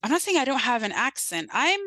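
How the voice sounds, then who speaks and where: A Sudanese woman, likely in her thirties, speaks with a Sudanese accent carrying a light British lilt. Her voice sits on the high side and is very animated, brisk, bright and forceful, recorded studio-quality with no room sound. As a podcast guest she talks earnestly and emphatically, often checking in with "right?".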